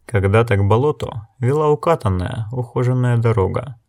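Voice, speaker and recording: A man narrating an audiobook in an even, measured reading. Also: mid-range voice. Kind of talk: scripted narration.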